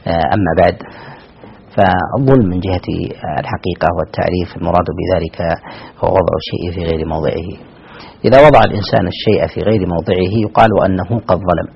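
A man's voice: sits low, gravelly, highs cut off, slight background noise. A man giving religious teaching as a scholar in formal standard Arabic, didactic and repeating key phrases for emphasis.

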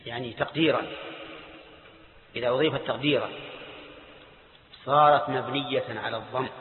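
Male teacher, lecture style, repeats himself, quizzes students, tinny phone-like sound, faint background hiss. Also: mid-range voice. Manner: repeats key phrases, quizzes listeners. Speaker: teacher of Quran exegesis and Arabic grammar. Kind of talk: classroom lecture with questions to students. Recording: echoey hall over a tinny phone-like line.

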